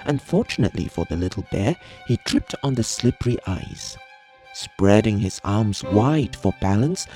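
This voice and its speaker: Female storyteller, very low pitch, expressive storybook read with music under it. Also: normal speed. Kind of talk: storybook reading.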